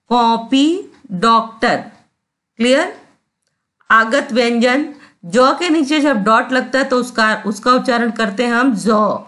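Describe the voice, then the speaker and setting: A woman teacher walks through a grammar lesson at a slow, deliberate pace. Her voice sits a little high. She repeats each sound carefully and keeps checking that her students follow. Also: a bit bright.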